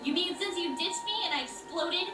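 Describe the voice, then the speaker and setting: High, bouncy cartoon teen girl, flustered and rushed; echoey, from afar. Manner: flustered, tumbling rush of words. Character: excitable, clumsy teenage girl. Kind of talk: animated series voice acting. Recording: echoey, distant playback with music.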